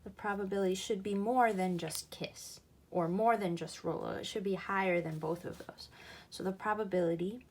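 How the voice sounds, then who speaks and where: A woman's voice: medium pitch, normal speed, darkish tone. A woman teaching a recorded math lesson, explaining patiently and going back over each key point.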